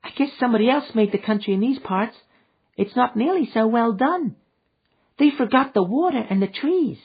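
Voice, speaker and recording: A man voicing an innocent, thirsty little girl with a high childlike voice and a frontier dialect, in a storybook reading. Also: expressive, normal speed, vocal fry, slightly rough, narrow, tinny audio, heavily acted. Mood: eager.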